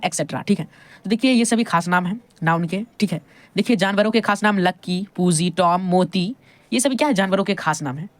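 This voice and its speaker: A woman teacher with an Indian accent walks through a grammar lesson at a middle pitch. She keeps checking in with the listener and answers her own questions as she explains. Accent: Indian English. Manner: repeats "thik hai" and asks questions to the viewer.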